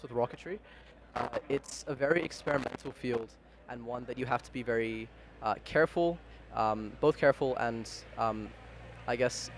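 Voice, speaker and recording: Young student man, mid-pitched, measured, filler-heavy, outdoors. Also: noisy background. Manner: thoughtful, hesitant with fillers. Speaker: student rocketry team member. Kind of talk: casual interview. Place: outdoors at a launch site.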